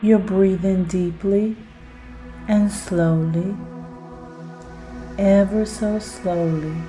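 A woman guiding a self-hypnosis relaxation in a soothing, deliberate manner, like a sleep story narrator. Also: medium pitch, fairly even intonation, warm tone, faint music behind. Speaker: podcast host and relaxation guide.

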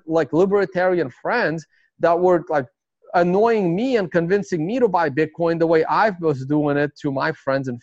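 As a guest in a casual interview, a Russian man with a Russian accent, a native speaker of Russian, rambles along with frequent fillers and restarts. His voice is fairly high and a little mellow. No echo is present, and the recording sounds dry and slightly dull.

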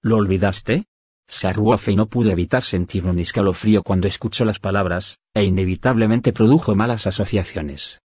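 A man narrating a novel audiobook in a steady, even reading. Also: fairly low pitch, a little fast, hardly any pauses, slightly rough, no echo, studio quality.

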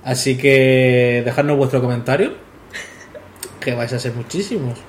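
A man's voice: mid-range voice, measured pace, a little hiss or hum. A man hosting a casual podcast chat, joking crudely and telling stories. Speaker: podcast host.

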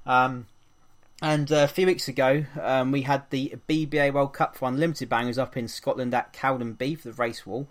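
A man's voice: medium pitch, fairly even intonation, moderate pace. A man from England hosting a casual podcast, chatty and upbeat, with frequent ums and fillers. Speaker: podcast host.

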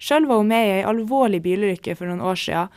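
Woman, Norwegian accent, radio host, interview and scripted narration, clear presenting voice. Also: medium pitch, darkish tone, no room sound, studio quality.

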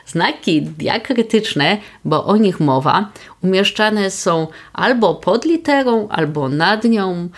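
A woman hosting a podcast, calmly explaining facts in a scripted, measured way. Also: mid-range voice. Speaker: podcast host and proofreader.

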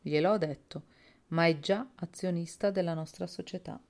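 A determined young woman, voiced by a woman reader, speaks in a firm, measured, businesslike way. Her tone is low and a little gravelly, in a spoken storybook. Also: a little mellow.

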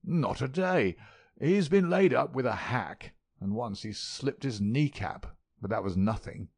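A man voicing an earnest young sportsman who gives brisk, plain answers. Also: medium pitch, expressive, a little mellow, slightly rough.

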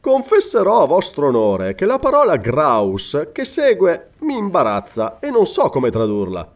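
A man's voice: a little high, wildly swooping pitch, measured pace, voice pushed up. A man voicing an earnest, knowledgeable sea captain, explaining carefully in a read-aloud novel.

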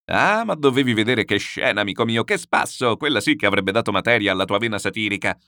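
A blustering, shouting landowner voiced by a man rambles through his boasts. His voice leaps and swings widely. It is a storybook reading in a dry, close recording. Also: fairly low pitch, animated, quick pace, dry recording. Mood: boisterous.

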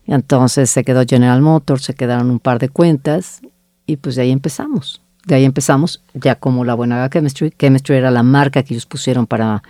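A middle-aged woman recounts her business story in a lively way, quoting herself and others. Her voice is warm and mellow, and the recording sounds dry and close. She speaks as a guest in a conversational interview. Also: very deep voice, a little fast, dry recording. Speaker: agency founder, guest.

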